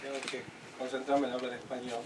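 Over a noisy crowd, a middle-aged man with an Argentine Spanish accent and a level, mid-range voice thanks people in an unscripted, halting speech riddled with fillers and restarts. The company executive stands at a podium with a handheld mic under a tent at an outdoor groundbreaking, recorded by a distant camera with background noise.

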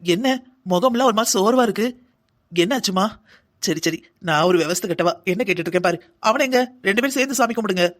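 A man's voice: high-pitched, animated, quick pace, a bit bright. A man voicing a bossy, emotional middle-aged mother-in-law in a cartoon drama, scolding and pleading. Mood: cheerful. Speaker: voice actor.

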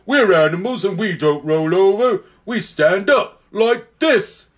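A clumsy, self-assured bear drawls slowly and ponderously. A man puts him on while reading a storybook aloud, his voice lifted a little. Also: sits high, lively intonation, pitched above the performer's own voice. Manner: slow, ponderous.

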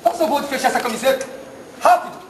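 An actor on a church stage playing a stern military commander who drills and mocks a cadet, barking orders. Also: male voice, extremely high pitch, racing. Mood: mocking. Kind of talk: live church stage comedy acting. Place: church theater stage with live audience. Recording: echoey hall, audience noise.

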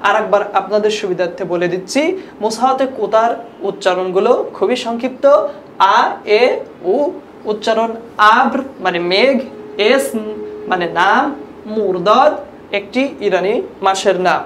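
A woman's voice: medium pitch, a little fast, fairly bright tone. A woman teaching a language lesson to viewers, explaining sounds patiently and repeating examples step by step. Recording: echoey room with faint ambient noise.

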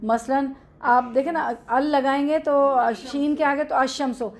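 A woman's voice: high voice, fairly even intonation, measured pace. A woman with an Urdu accent teaching a classroom grammar lesson, explaining step by step and answering her own questions.

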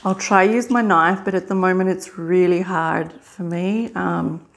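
A middle-aged woman in a casual mukbang vlog, chewing while talking in a halting, unhurried way with pauses to eat. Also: on the low side, steady tone, creaky. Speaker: vlogger. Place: small indoor hospital room.

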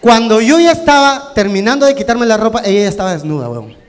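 A man performing crude, animated stand-up comedy with sudden shouted bursts. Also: high-pitched, fast. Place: live comedy venue with audience. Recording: live hall with reverb, crowd noise.

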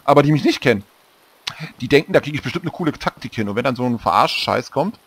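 A man's voice: mid-range voice, lively intonation, fast, a bit bright, a little hiss or hum. A man hosting a survival game let's-play, chatting casually and rambling, often correcting himself mid-sentence. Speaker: gaming channel host.

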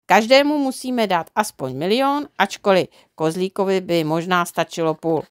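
A woman voicing a greedy, hot-tempered man in a storybook, speaking loud and indignant. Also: lowish voice, clear, resonant tone, no room sound, clean studio sound, lightly acted. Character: greedy blustering man, quick to anger.

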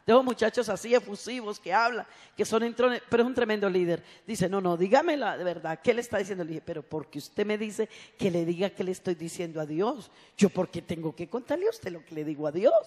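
A woman preacher giving a sermon, telling stories warmly and breaking into loud, fervent exhortations. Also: medium pitch, lively intonation, fairly quick, hardly any pauses, in a large hall. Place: church sanctuary.

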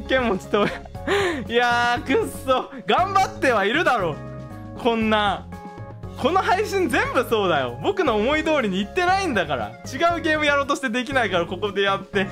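A man streaming a game, reacting loudly and excitedly as he plays. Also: extremely high pitch, moderate pace, soft background music. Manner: shouting, animated gaming reactions.

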